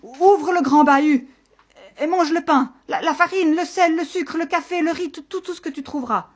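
A woman's voice: very high voice, normal speed, pitched above the performer's own voice. A woman voicing a frightened male mountain shepherd who stammers in a trembling voice in a told folk tale. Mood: frightened, stammering.

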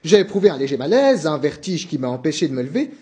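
A man's voice: high voice, very animated, a little fast, a little mellow, breathy edge, full character voice. A man reading aloud, voicing a flustered young salesman who pleads and apologizes in a rush. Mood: pleading.

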